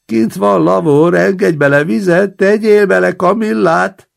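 A man's voice: high voice, vocal fry, pitched above the performer's own voice. A man voicing a self-pitying old male hospital patient who pleads, wails and makes demands. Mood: coaxing.

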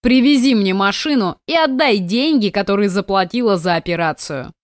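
A woman's voice: medium pitch, lively intonation, moderate pace, dry recording, studio quality, close to an everyday voice. A woman doing a sneering, furious husband. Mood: sneering angry. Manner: sneering, shouting. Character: angry mocking husband, grown man.

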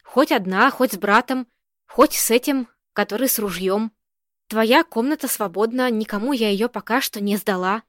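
A woman's voice: on the high side, normal speed, a bit bright, no room sound, natural voice. A woman reading the lines of a fussy, talkative old landlady who chatters and frets, in a dry, close-sounding recording. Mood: fretful. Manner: chattering, fretful.

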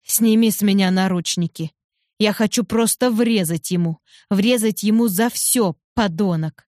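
A woman's voice: medium pitch, measured pace, darkish tone, no room sound, studio quality, natural voice. A woman voicing a desperate young heroine in a storybook, tearful but defiant, speaking with raw intensity. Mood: furious. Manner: intense, emotional.

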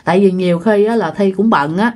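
A woman telling ghost stories in a casual spoken way, lively and repeating phrases to build suspense. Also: mid-range voice, a little fast. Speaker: ghost story narrator.

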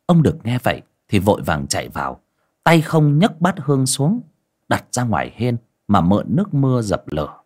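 A man, reading a village story as an expressive audiobook narrator. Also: medium pitch, moderate pace.

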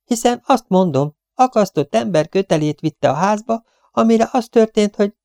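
Man doing a shrill chattering cleaning woman. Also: lively intonation, darkish tone, smooth, no room sound, clean studio sound. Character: fussy superstitious stout female cleaning woman.

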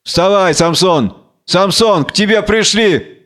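Man voicing a fawning jailer, obsequious, high, smooth. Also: measured pace, fairly bright tone. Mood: fussing. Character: fawning old male jailer.

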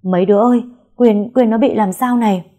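A woman's voice: on the low side, expressive, fast, mellow, husky. A woman voicing a bossy, fussing middle-aged mother who scolds and urges. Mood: alarmed. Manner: scolding, urgent.

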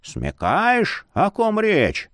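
A man voicing a jovial, wheedling old male librarian with a creaky, cackling voice. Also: sits high, huge pitch swings, extremely slow, a bit bright, dry recording, studio quality, voice pushed up, exaggerated voice.

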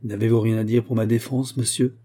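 A man reading the part of a proud young servant who speaks quietly and with control. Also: lowish voice, level tone, a little fast, lightly acted.

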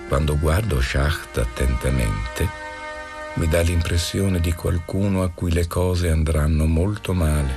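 A man reading a novel aloud in the first person, measured and expressive. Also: rumbling low, vocal fry. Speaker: reader. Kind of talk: literary audiobook reading on radio.

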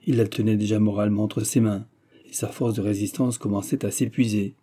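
A man reading a classic novel aloud in a measured, even narration. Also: on the low side. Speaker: audiobook reader. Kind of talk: scripted narration.

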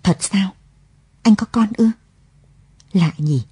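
A woman's voice: mid-range voice, expressive, moderate pace, dark tone, husky, dry recording. A woman voicing a dazed young husband who learns he has a daughter, in a read-aloud story. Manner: dazed then exclaiming. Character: dazed young husband, overjoyed at being a father.

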